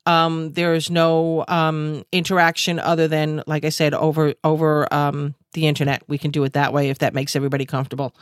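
Angry woman host with a low voice. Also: level tone, fairly quick, few pauses, smooth, no room sound, clean studio sound. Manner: angry, emphatic, repetitive, with many fillers. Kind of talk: impassioned monologue. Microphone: video call.

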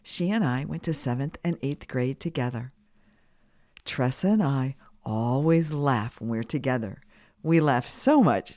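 Low, lightly scratchy woman's voice, animated. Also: no room sound, studio quality. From United States. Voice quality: slightly scratchy. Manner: simple, clearly phrased address to children. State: getting over a cold. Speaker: children's podcast host. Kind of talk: scripted narration for children.

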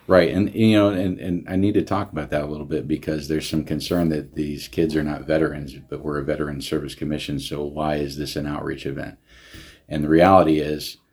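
A county veterans service director with a husky, darkish bass voice speaks a little fast in a level tone during a casual interview. He is earnest, restarting often and using many fillers.

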